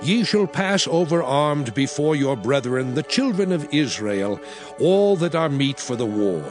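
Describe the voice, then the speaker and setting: A man playing Moses, a solemn, commanding prophet, in a dramatized scripture reading with measured, declamatory phrasing. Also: medium pitch, lively intonation, music in the background, lightly acted. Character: Moses, solemn commanding elder prophet addressing his people. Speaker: dramatized Bible narrator.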